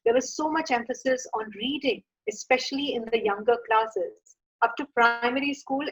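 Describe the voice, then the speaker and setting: Her voice sits on the high side, a bit bright and slightly rough, as this middle-aged woman from India offers parents earnest advice in a workshop talk. She founded a children's reading program and fills her speech with "uh" and "you know," captured in dull lo-fi audio.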